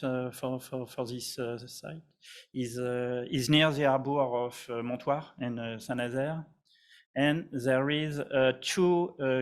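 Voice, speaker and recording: A man with a French accent giving a conference presentation, halting, with many fillers and restarts. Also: medium pitch. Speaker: conference speaker.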